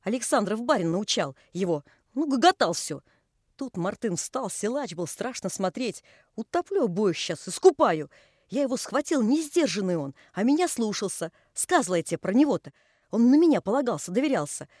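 A woman's voice: mid-range voice, very animated, fairly quick, darkish tone. An old, devout carpenter, played by a woman chides in a homely, folksy way and spins long stories of the old days. The voice is close and dry with no room echo, in a storybook reading. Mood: reminiscing. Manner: folksy, chiding. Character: pious old male carpenter, scolding, storytelling.

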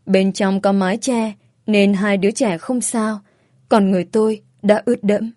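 A woman narrating an emotional first-person story in a calm, steady voice. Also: mid-range voice, moderate pace, no room sound, clean studio sound.

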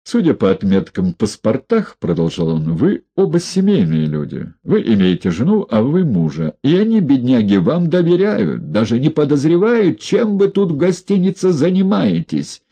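A man's voice: medium pitch, huge pitch swings, moderate pace, hardly any pauses, dark tone, breathy edge, pitched above the performer's own voice, exaggerated voice. A man voicing a stern, contemptuous party inspector. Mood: mocking. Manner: stern, cold, mocking.

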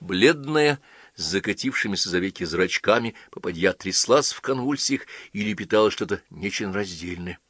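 A man narrating an audiobook novel in an expressive storytelling reading, close to the mic. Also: low-pitched, moderate pace, slightly rough, no echo. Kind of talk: scripted narration.

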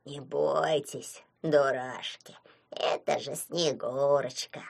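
Woman doing a low slow grumpy forest sprite. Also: vocal fry, slightly rough, heavily acted. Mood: grumbling.

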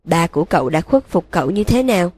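A woman reading a quiet, gentle old wizard. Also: fairly low pitch, big pitch swings, quick pace, breathy edge. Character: old male headmaster wizard, calm and gentle. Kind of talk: audiobook reading.

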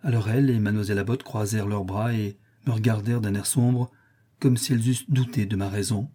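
A man reads a classic novel aloud in a measured, descriptive way. His voice is husky and dark, with a mellow tone at a middle pitch. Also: steady tone. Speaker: audiobook narrator. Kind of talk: literary audiobook narration.

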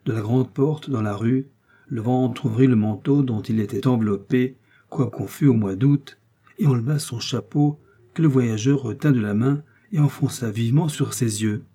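A man narrating a classic novel as an audiobook, in a measured storytelling manner. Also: mid-range voice, dark tone, slightly rough. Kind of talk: scripted narration.

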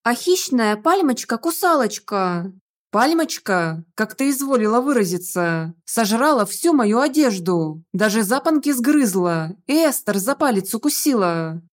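A woman's voice: on the high side, big pitch swings, unhurried. A woman doing an exasperated stern father. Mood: scolding. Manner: scolding, exasperated. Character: stern middle-aged male rector and father, exasperated.

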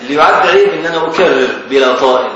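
A man's voice: fairly high pitch, very fast, a bit bright, highs cut off. Egyptian male teacher, questioning style, distant mic in a reverberant lecture room. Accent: Egyptian Arabic. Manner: questions and teases students while explaining. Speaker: teacher of Islamic law texts. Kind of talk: classroom text commentary. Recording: very echoey, distant from the mic, faint hiss.

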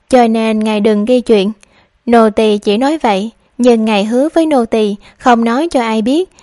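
A woman's voice: on the high side, mellow, no room sound, clean studio sound, natural voice. A woman voicing a scheming young maidservant who feigns worry, speaking in a pleading, confiding way.

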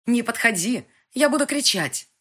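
A woman voicing a defiant, frightened young heroine in an audiobook, with a husky voice and shrill outbursts. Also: a little fast. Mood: panicked screaming.

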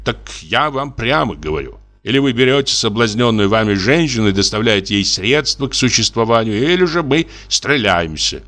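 A man's voice: medium pitch, animated, moderate pace, few pauses, fairly bright tone, pitched above the performer's own voice, natural voice. A man voicing a wronged middle-aged husband, a notary who speaks in a formal, wounded, pompous way. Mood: stern. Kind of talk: audiobook character reading.

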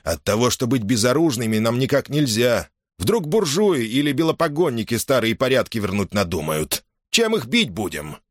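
A man's voice: medium pitch, big pitch swings, moderate pace, hardly any pauses, no echo, studio quality, voice pushed up. A man voicing a hot-tempered Cossack soldier back from the war, boastful and threatening.

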